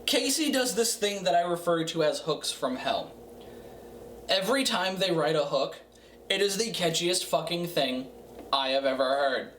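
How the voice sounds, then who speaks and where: A man giving a casual, profane music review in a tipsy, rambling way, halting and repeating himself. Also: a little high, animated, fairly bright tone. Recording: roomy, distant mic, faint noise.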